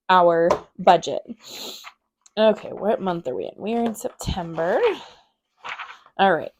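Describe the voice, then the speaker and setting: A young woman in a casual budgeting vlog, talking straight to her viewers in a relaxed, mellow voice. She rambles and fills her sentences with little asides and fillers. An emotional, slightly teary edge sits under everything she says. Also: fairly low pitch. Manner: chatty and rambling, full of fillers. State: emotional, close to tears. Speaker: budgeting vlogger. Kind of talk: casual chat to camera.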